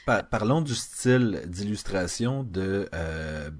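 A man's voice: lowish voice, expressive, takes it slowly. A man with a Québécois accent co-hosting a casual chat, teasing and correcting how names are said. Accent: Québécois French. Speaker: podcast co-host.

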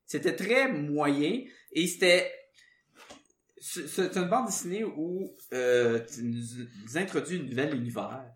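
A man with a Québécois French accent, hosting a casual podcast chat and talking in animated bursts with many restarts. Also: fairly high pitch, unhurried. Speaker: podcast host. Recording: roomy echo.

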